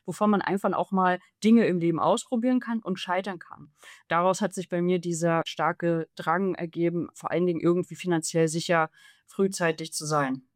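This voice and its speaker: A woman's voice: medium pitch, no echo, clean studio sound. A woman in her thirties from East Germany, an author answering interview questions in long, fluent, emphatic sentences. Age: 30s. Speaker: author and journalist guest.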